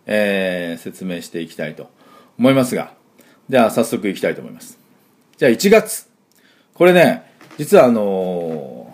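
Casting: man, low voice with a bouncy, lively pitch, a chatty teacher who stops often to sound out words. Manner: chatty, full of fillers, sounds out words slowly. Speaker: English teacher. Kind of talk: explanatory lesson.

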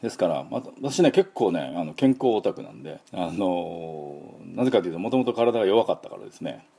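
A man's voice: low-pitched, big pitch swings, fairly quick, creaky, mellow, slightly rough. A middle-aged man giving a casual spoken pronunciation lesson, chatty and full of fillers, repeating sounds for the listener to copy. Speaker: English pronunciation teacher.

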